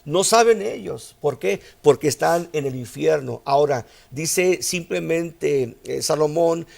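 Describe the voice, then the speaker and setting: Male preacher, fairly high and gravelly, storytelling sermon. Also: lively intonation, a little slow, darkish tone. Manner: storytelling preacher, rising to emphatic outbursts. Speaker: pastor.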